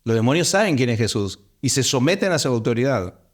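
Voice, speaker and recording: A man's voice: mid-range voice, very animated, brisk. A man with a Rioplatense accent preaching a sermon as pastor, stressing points by repeating words. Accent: Rioplatense Spanish.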